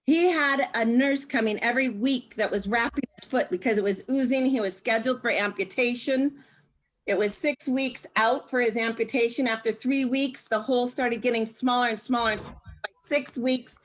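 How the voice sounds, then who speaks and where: A woman in her sixties giving a casual, lively testimonial, laughing often. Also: a little high, low-quality recording. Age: 60s. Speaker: guest speaker.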